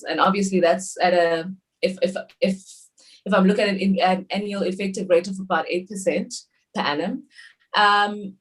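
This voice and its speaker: Woman, 30s, from South Africa, chatty panelist explaining finances, mid-pitched. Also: low-quality recording. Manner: talkative, explanatory, frequent restarts and fillers. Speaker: bank panelist. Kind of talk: webinar panel discussion.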